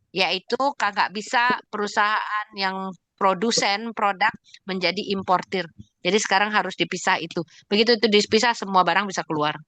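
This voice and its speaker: A woman's voice: medium pitch, pushed and bright, no room sound. A woman doctor answering questions in an online session, explaining in an emphatic way and listing examples.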